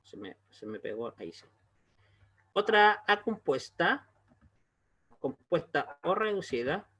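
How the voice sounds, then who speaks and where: A man with a slightly high-pitched voice gives an online language lesson. He explains in a slow, patient way and keeps stopping to check that his students are following. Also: big pitch swings, sharp tone, husky. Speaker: Hebrew teacher.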